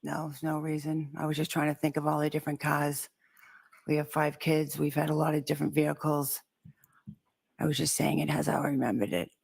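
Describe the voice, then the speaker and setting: A middle-aged woman answers questions on the witness stand, her replies brief and hesitant. Her voice is very low with a gravelly fry. It is heard as a courtroom recording. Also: flat delivery, fairly quick, darkish tone. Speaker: trial witness. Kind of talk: witness testimony.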